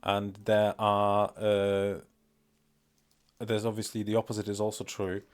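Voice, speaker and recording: This man from Poland, a native Polish speaker with a Polish accent, has a lowish, smooth voice that stays monotone at a measured pace. He offers casual live-stream commentary, wandering from point to point with many fillers and self-deprecating asides.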